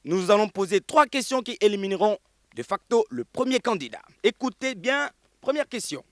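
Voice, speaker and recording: A man's voice: high-pitched, animated, moderate pace, dry recording. An actor playing a male village radio quiz host who announces questions and keeps bursting into laughter, with a Burkinabè French accent. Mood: announcing.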